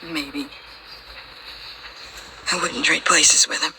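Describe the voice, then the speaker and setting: A young daughter in a video game, wounded by grief and full of suspicion. Her voice is breathy and crackles with vocal fry, sharp and very bright, with faint noise behind it. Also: low-pitched, steady tone, slow, heavily acted. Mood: grieving. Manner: raw, wounded, probing. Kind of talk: video game dramatic acting.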